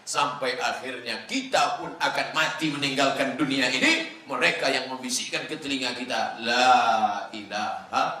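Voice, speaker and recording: A male preacher giving a sermon, swinging between loud, emphatic bursts and soft, quiet asides. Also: medium pitch, normal speed, few pauses. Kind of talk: Islamic sermon to a congregation. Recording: echoey hall with faint noise.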